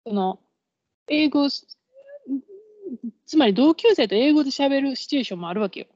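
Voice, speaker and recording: Kansai woman chatting on a podcast, laughs a lot, mellow kinda dull dry sound. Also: high voice, expressive, moderate pace, dry recording. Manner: chatty, laughs often, explains with examples. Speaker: podcast co-host. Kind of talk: casual chat.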